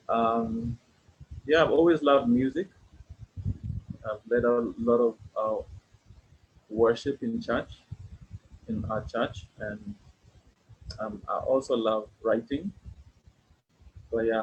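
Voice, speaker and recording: A man from Kenya with a Kenyan accent, a worship leader and writer, speaking softly and reflectively on a panel. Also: on the low side. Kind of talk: casual panel chat. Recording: dull, slightly noisy online call audio.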